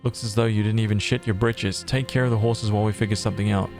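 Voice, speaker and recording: A man reading the lines of a gruff, coarse guard captain in a video game. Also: on the low side, steady tone, quick pace, music in the background, natural voice.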